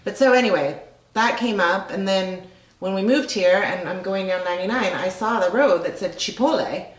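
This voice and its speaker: A woman's voice: mid-range voice, normal speed, echoey room, rough recording. A middle-aged woman who owns a restaurant, talking casually in an interview, rambling and chatty with lots of fillers. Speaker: restaurant owner.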